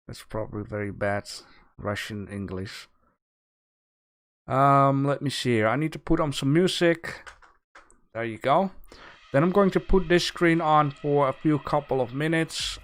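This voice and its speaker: With a medium-pitched voice and lively intonation, a livestream host offers art critique, rambling casually, joking with his chat and stopping to restart sentences as he goes.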